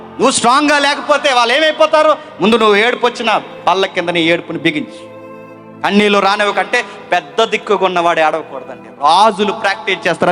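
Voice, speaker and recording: A male preacher giving a sermon, swinging between loud emphatic lines and low hushed ones. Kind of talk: Telugu sermon.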